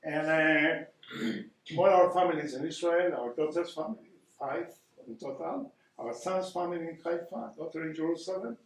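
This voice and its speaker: Speaking at a moderate pace in a slightly high voice, an older man from Argentina gives a sincere public lecture as guest speaker, his Argentine Spanish accent clear. He frequently pauses and repeats himself as he hunts for words, recorded by a distant mic in an echoey community hall.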